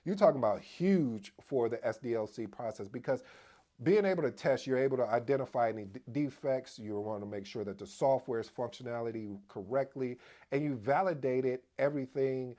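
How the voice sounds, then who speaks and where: A man hosting a casual explainer video on project management, addressing viewers as family, energetic and prone to restarts. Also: mid-range voice, brisk. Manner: restarts and repeats himself as he talks. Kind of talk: casual explainer talk to camera.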